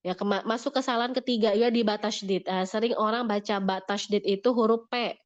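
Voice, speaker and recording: A woman's voice: medium pitch, fairly even intonation, fast talker, highs cut off. A woman teaching Quran recitation in an online class, patiently modelling each sound and repeating corrections. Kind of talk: online tajwid lesson.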